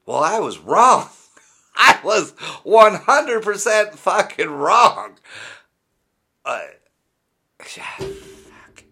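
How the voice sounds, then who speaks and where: A man's voice: high-pitched, sing-song, very slow, vocal fry, pauses often, bright, forceful tone, husky. A man hosting a fan podcast, ranting in an exasperated, sarcastic way with plenty of swearing. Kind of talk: sports fan rant.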